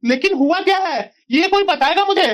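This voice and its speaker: A woman's voice: very high-pitched, normal speed, fairly bright tone. A woman voicing an exasperated grown son and husband in a cartoon drama, reproachful and questioning. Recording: dull lo-fi audio.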